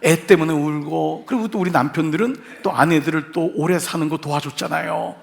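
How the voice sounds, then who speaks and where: In a church sanctuary, a male senior pastor delivers an Easter sermon, chatting with the congregation using humor and rhetorical questions. His voice is a little high with vocal fry, and he talks fairly quickly.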